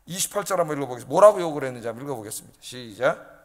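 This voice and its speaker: A male pastor delivering a midweek sermon, emphatic and animated, often prodding the congregation with rhetorical questions. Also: mid-range voice, racing, long reverb tail. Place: church sanctuary.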